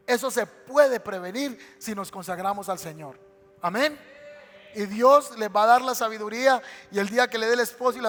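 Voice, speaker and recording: A man's voice: sits high, fairly bright tone. A male pastor preaching a dramatic sermon and acting out the scenes he tells. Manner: dramatic storytelling preacher who acts out scenes. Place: church sanctuary. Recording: reverberant church hall with faint music.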